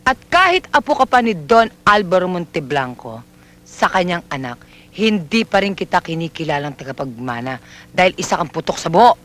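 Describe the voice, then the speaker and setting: A man's voice: high-pitched, very animated, moderate pace, fairly bright tone. An actor playing a menacing male crime boss in a comedy film who talks in a theatrical way and orders killings coldly. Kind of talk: film acting.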